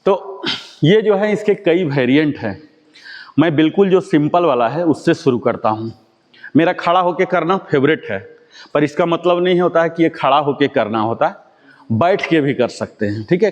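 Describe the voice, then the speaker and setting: A male yoga instructor leads a group class in a slightly high voice. He gives step-by-step commands and often asks the class questions. His words hang in a long, echoing reverb. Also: dull audio. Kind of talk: guided exercise class.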